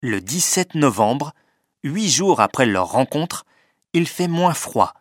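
Male storybook narrator, measured and clear, dry booth sound. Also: a little high, very animated, no echo. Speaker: audiobook narrator.

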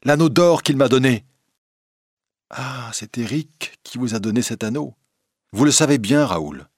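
A man's voice: mid-range voice, expressive, measured pace, no echo, studio quality, voice pushed up. A man voicing a frightened, earnest young woman singer in a read-aloud storybook, with a raised, breathless pleading tone. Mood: alarmed. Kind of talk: audiobook reading.

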